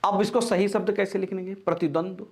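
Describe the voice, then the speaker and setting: A Hindi grammar teacher gives an exam-prep spelling lesson in a high-pitched, creaky voice. Animated and coaching, he repeats each word slowly, stresses key syllables, and keeps reminding students to pay attention.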